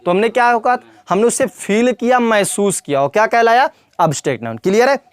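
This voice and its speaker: A man's voice: high voice, expressive, fairly quick, smooth, no echo. A man teaching English grammar in a classroom lesson, repeating points and quizzing the viewer with questions, calling them brother and child.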